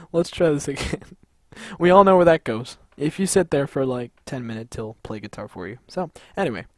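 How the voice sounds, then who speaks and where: A man's voice: fairly high pitch, expressive, normal speed, darkish tone, dry recording, clean studio sound. Chatty young-sounding man playing a game. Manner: chatty and reactive, laughing easily. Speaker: gamer. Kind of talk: casual let's-play commentary.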